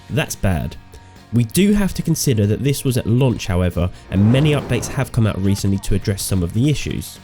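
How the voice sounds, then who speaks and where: This gaming video host has a cold, so his lowish, dark voice sounds a bit nasal. He reads a scripted game review full of opinionated, sardonic remarks.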